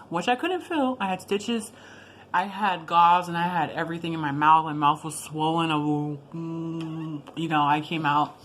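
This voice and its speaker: A woman with a slightly low voice tells a personal story in a casual, rambling vlog style. She drops in asides and corrects herself as she goes, with clear background noise behind her. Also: fairly bright tone. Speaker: video blogger.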